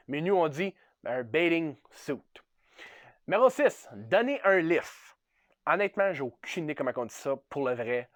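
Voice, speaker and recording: A man's voice: on the high side, dry recording. A man from Ontario with a Franco-Ontarian French accent, hosting a casual, upbeat vlog and mixing English words into his French. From Ontario, Canada. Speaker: channel host.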